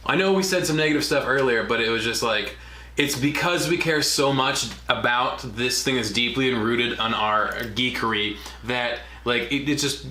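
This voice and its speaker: Male review-show host, bright forceful voice, casual and rambling, roomy sound with some noise. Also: mid-range voice, moderate pace. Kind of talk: casual group review chat. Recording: echoey room with clear background hiss.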